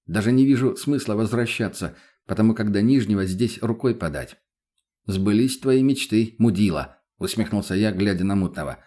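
A man's voice: fairly low pitch, brisk, hardly any pauses, mellow. A man reading a first-person story in a dry, matter-of-fact way with casual slang. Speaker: narrator. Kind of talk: first-person audiobook narration.

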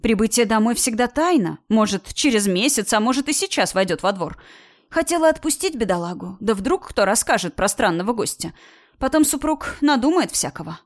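A woman's voice: fairly high pitch, expressive, brisk, natural voice. A woman reading an audiobook, voicing a bold young woman who talks with sarcasm and indignant emphasis. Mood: wry. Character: bold, sharp-tongued young woman friend. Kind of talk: audiobook character voice.

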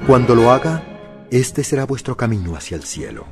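A man voicing a sarcastic male jailer with a harsh, hoarse voice in a read-aloud story. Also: mid-range voice, sing-song, normal speed, music in the background. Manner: mocking, menacing.

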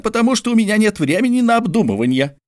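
An exhausted, irritable writer, as a man puts him on for an audiobook, grumbling and complaining in gruff bursts. The voice sits well above the reader's natural pitch and swings about. The recording is dry and close. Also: very animated, fast, darkish tone, dry recording. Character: exasperated grumbling male writer, worn out and irritable. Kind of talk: audiobook character voice.

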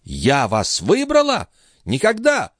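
Man voicing a frantic young woman, pleading, shrill, lively outbursts, audiobook. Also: normal speed, no room sound, clean studio sound, close to an everyday voice. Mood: defiant. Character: young woman, desperate and defiant captive.

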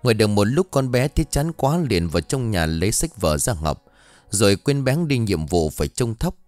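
Low-voiced man narrating an audio story. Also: normal speed, dry recording, soft background music. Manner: expressive dramatic reading.

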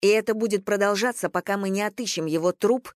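A reader voicing a quick-tempered young woman who talks sharply and bluntly. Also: mid-range voice, no echo, clean studio sound, lightly acted. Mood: fierce. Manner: sharp, forceful.

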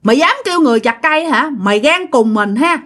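Fierce old ghost woman, as a woman puts her on, Southern Vietnamese accent, harsh fast threats, shrill high voice. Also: big pitch swings, pushed and bright, full character voice. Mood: furious threatening.

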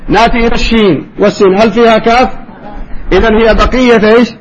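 A man teaching a spelling class, firing quick questions at his students and calling on them to answer. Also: extremely high pitch, fairly even intonation, muffled recording. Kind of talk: classroom lesson.

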